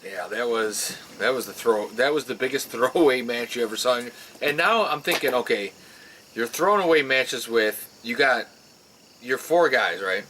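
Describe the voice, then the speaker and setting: Animated man in casual wrestling chat. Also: mid-range voice, normal speed, a little hiss or hum, low-quality recording. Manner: animated, acts out wrestlers with voices. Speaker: podcast co-host.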